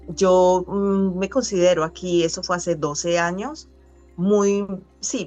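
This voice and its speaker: A middle-aged woman speaking as an interview guest, earnest and reflective, pausing and restarting as she thinks. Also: fairly low pitch. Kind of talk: conversational interview.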